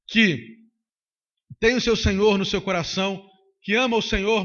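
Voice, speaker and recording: A man's voice: sits high, sharp tone. A man preaching a sermon into a handheld microphone, emphatic and repetitive. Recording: dull lo-fi recording.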